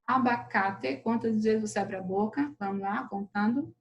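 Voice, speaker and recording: A woman teacher with a Brazilian Portuguese accent giving a lesson to children, patient and slow over syllables, often checking in with the class. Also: medium pitch, highs cut off. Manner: patient, drawn-out syllables, frequent "beleza?" checks. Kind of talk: recorded remote lesson for children.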